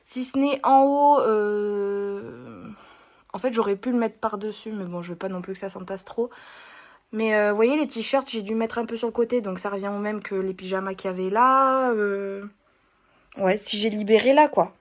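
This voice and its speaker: A woman's voice: medium pitch, normal speed, no echo. A woman chatting casually to her handheld camera at home and in her garden. She rambles, laughs often and pokes fun at herself. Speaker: lifestyle vlogger. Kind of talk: casual vlog chat to camera.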